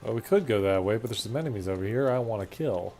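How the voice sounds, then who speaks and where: A man's voice: lowish voice, animated, quick pace, warm tone, faint music behind. A man streaming a video game, chatting and joking as he thinks aloud. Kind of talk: casual gameplay commentary.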